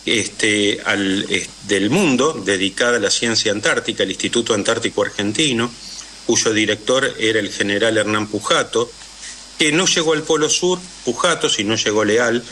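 A man's voice: on the low side, pushed and bright, slight background noise. A man with a Rioplatense Spanish accent, a guest in a radio interview, telling historical stories with frequent "eh" and "este" fillers.

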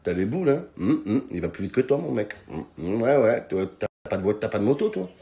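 Man playing a smug pillion-riding girlfriend, low sneering taunts, mocking mutter. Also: big pitch swings, brisk, creaky, dark tone. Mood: taunting.

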